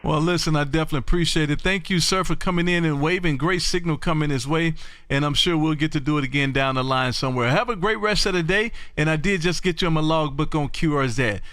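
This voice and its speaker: This Texan amateur radio operator hosts a livestream in a fairly high, bright voice, talking quickly. His on-air ham radio chat is animated, folksy and full of exclamations, and he keeps repeating his phrases. The recording is dry.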